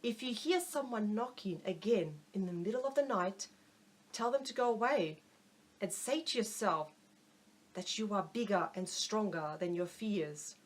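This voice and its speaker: A woman voicing a calm female doctor in an audiobook narration, speaking in a steady, instructive and reassuring way. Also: medium pitch, unhurried.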